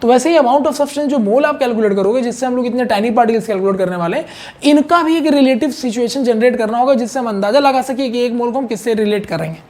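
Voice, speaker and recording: A man's voice: very high-pitched, fast talker, darkish tone. A man teaching a chemistry lesson in a conversational, repetitive way, often checking in with his students. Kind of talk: explanatory online chemistry lesson.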